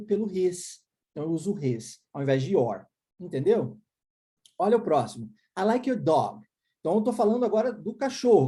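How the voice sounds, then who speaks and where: Brazilian woman teacher, mellow warm tone, explains patiently and keeps checking the learner follows. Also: mid-range voice. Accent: Brazilian Portuguese. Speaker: English teacher. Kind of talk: online English lesson in Portuguese.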